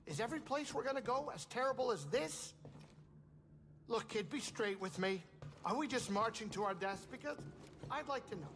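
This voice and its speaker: A jittery alien ship captain. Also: male voice, very high-pitched, animated. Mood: anxious. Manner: nervous, quick to backpedal. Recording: loud game music behind. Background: game music.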